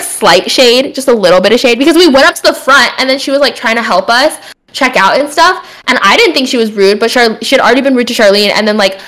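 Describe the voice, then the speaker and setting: A young woman telling a long story in a casual chat, laughing often and acting out what people said. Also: fairly high pitch. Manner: animated, laughs often, acts out quotes.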